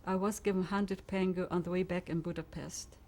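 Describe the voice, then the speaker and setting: A woman's voice: on the low side, fairly even intonation, a little fast, warm tone. A woman, giving oral history testimony and vividly retelling events with acted-out dialogue. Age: 90s. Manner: vivid storytelling, acting out dialogue. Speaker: interviewee.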